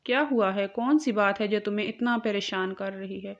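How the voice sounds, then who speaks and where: A caring young husband in a romantic audio novel, soothing and soft-spoken, read by a woman. The sound is a little dull and lo-fi. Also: mid-range voice, steady tone, close to an everyday voice. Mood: concerned. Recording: muffled lo-fi recording.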